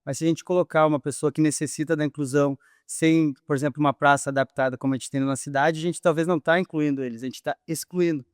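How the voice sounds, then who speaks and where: A man's voice: a little high, fairly even intonation, fast, hardly any pauses, clear, resonant tone, dry recording, studio quality. A man, a physical education teacher, answering interview questions in a thoughtful, hesitant way with many fillers.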